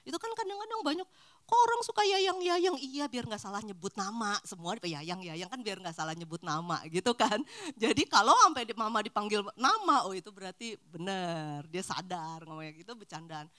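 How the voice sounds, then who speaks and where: A middle-aged woman speaks in a relaxed, chatty way to a church group of married couples. Her pitch rises and falls freely. Now and then she slips into short acted bits of everyday talk. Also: fairly quick. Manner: animated, acts out little dialogues. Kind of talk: casual talk.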